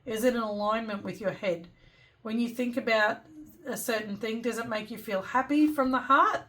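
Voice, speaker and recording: A woman's voice: fairly high pitch, moderate pace, slight background noise. Woman fortune teller giving a card reading. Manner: gentle advising, thinking aloud, addressing the listener directly. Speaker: tarot and oracle card reader.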